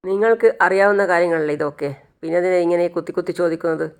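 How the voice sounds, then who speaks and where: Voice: medium pitch, steady tone, racing, smooth, lightly acted. A narrator voicing a remorseful aging father who begs again and again to see his daughter, in a retold television serial. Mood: pleading. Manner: pleading, tearful, repeats "anna".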